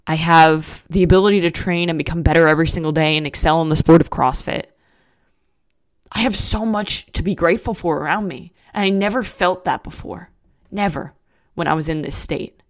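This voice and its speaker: A woman's voice: sits low, brisk. A woman hosting a podcast, talking candidly in a motivational monologue with a frank, emphatic, casual manner. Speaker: podcast host.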